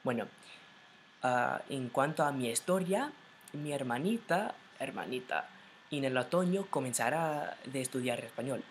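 A young American man talks casually to his laptop's mic at home in Spanish, his native English underneath. His voice sits at an ordinary middle pitch, and he hesitates constantly, cutting off words and starting them over. A faint hiss runs under the recording. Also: lively intonation, measured pace, low-quality recording. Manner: hesitant, stumbling restarts and self-corrections. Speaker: vlogger. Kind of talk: casual learner's vlog in Spanish.

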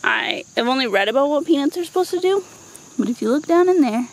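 A high-pitched woman in her thirties talks fast and with lively intonation as she gives a playful, casual vlog tour of her backyard vegetable garden. She's recorded outdoors on a handheld camera microphone, and ambient noise is noticeable.

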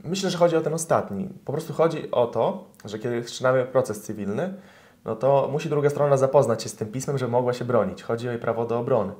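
Young lawyer, interview guest, explanatory delivery with fillers, addresses viewers. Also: male voice, mid-range voice, fast, darkish tone. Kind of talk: interview answers, explaining law.

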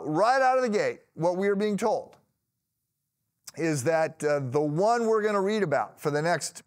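An older man, a pastor in his sixties, giving an animated devotional talk to camera in a studio, often lifting his voice for emphasis. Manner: animated, gestures a lot, rises in pitch for emphasis. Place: studio with plain grey backdrop.

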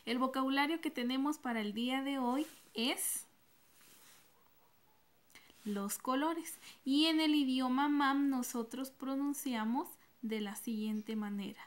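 A woman's voice: sits high, a little slow. A woman teacher giving a recorded online class, speaking patiently and repeating each word for her pupils.

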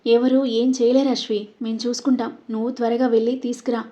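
A woman's voice: on the high side, level tone, quick pace, mellow, close to an everyday voice. A woman voicing a frightened young man who pleads in pain for his sister's sake. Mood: anguished. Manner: pained, pleading.

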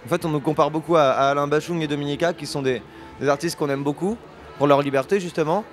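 A man in his thirties, singer and lyricist of a band, answers interview questions hesitantly with many restarts in a festival radio booth set before a sponsor backdrop. His voice is fairly high and he talks fast, with faint music in the background. The host holds a handheld radio mic.

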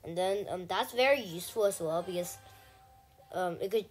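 A woman giving casual gameplay commentary, chatty with frequent ums and sudden excited shouts. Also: on the low side, normal speed, faint music behind. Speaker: gaming channel host.

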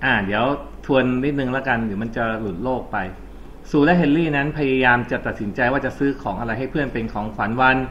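A Thai-accented man explains English grammar in a loose, chatty classroom way, often catching and correcting himself. His voice is bright and pushed forward. The recording is a little dull, with faint noise behind it. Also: mid-range voice, quick pace. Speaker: English teacher. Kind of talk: recorded exam-prep lesson.

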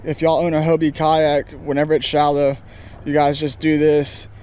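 A young man talking casually and excitedly while fishing from a kayak, recorded on an action camera outdoors. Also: a little high, normal speed, clean tone. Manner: excited, chatty, says man and guys a lot. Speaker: fishing vlogger. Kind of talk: casual outdoor vlog commentary. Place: kayak on open water under a bridge. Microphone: action camera on chest and pole.

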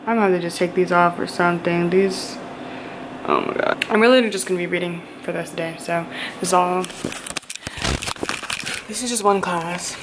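A woman's voice: on the low side, steady tone, brisk, long pauses, background noise. A young woman who is a law student, chatting casually to viewers in a vlog and trailing off with fillers. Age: young adult. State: out of breath. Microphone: on-camera mic.

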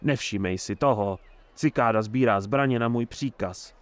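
A man with a medium-pitched, natural voice plays an older town mayor who is jovial but scheming. He sounds sly and hearty, talking effusively and at length with a crafty edge.

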